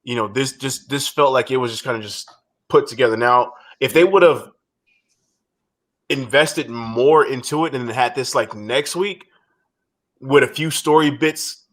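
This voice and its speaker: A man in the middle of a casual wrestling recap chat, voice at an ordinary middle pitch. He rambles, restarts his sentences and swears freely as he makes his points. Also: measured pace, fairly bright tone. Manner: rambling, frequent restarts and profanity. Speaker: podcast co-host.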